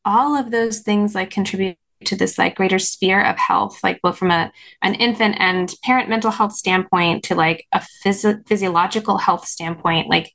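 A woman guest explains her ideas in an earnest, rambling way, leaning on "like" between phrases. Her voice has a strong gravelly fry at mid pitch. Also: steady tone, moderate pace, few pauses, fairly bright tone. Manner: frequent "like" fillers, explanatory, earnest. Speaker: guest, course creator in parent health. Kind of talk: conversational interview.

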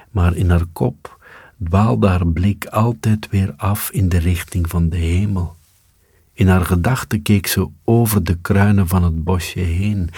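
A man narrates a storybook calmly, in a measured way. His voice is very low and mellow, with a husky grain. He reads slowly in a dry, close sound. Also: no echo. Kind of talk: storybook reading.

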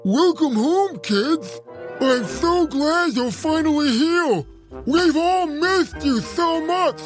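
An overjoyed talking dining table in a children's storybook, gushing with eager welcome, as a woman narrator puts it on. The voice rides high and stretches its words slowly, with faint music behind. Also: expressive. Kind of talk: storybook character voice. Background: background music.

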